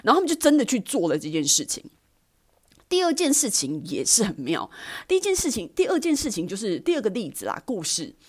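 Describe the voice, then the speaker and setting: A woman's voice: mid-range voice, brisk, husky. A woman with a Taiwanese Mandarin accent, hosting a podcast and chattily retelling a film. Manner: animated, chatty storyteller. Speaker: podcast host. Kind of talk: casual chat retelling a film.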